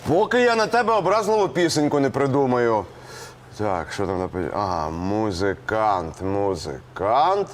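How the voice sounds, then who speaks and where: An actor playing a petty, bossy policeman who mulls over rhymes slowly and snaps orders. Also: mid-range voice, expressive, a little hiss or hum, close to an everyday voice. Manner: bossy, drawn-out musing. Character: petty male cop making up mocking songs. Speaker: police officer.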